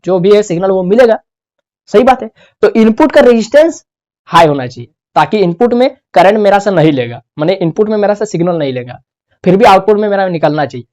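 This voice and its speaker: A male teacher giving a classroom lecture, asking the class questions and answering them himself, and slowing down to dictate terms word by word. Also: high voice, a little mellow. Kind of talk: classroom lecture while writing notes.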